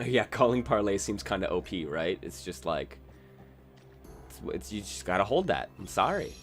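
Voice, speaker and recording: A man's voice: low-pitched, lively intonation, normal speed, faint music behind. A man live-streaming a video game, chatting casually with viewers in a rambling, self-correcting way. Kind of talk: casual live-stream chat while gaming.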